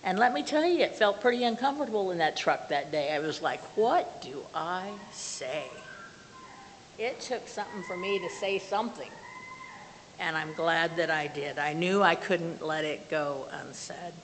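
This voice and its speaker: Recorded by a distant camera at the back of a reverberant small church hall with faint hiss, an older woman delivers a testimony and prayer from the pulpit as a lay speaker. She is earnest and plainspoken, phrasing slowly and measuredly, in a lowish, animated voice.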